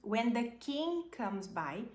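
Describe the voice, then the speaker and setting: A woman with a Brazilian Portuguese accent teaching English from a storybook, patiently explaining and reading English phrases slowly and clearly. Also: a little high, sing-song, a little mellow. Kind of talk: language lesson reading a storybook. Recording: roomy echo.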